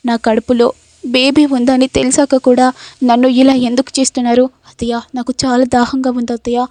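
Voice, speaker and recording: A woman's voice: sits high, level tone, brisk, mellow, no echo, natural voice. A woman voicing a mistreated, pregnant young wife who pleads with her mother-in-law, in a plain read-out manner. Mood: pleading. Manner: plain read-out lines, hardly acted.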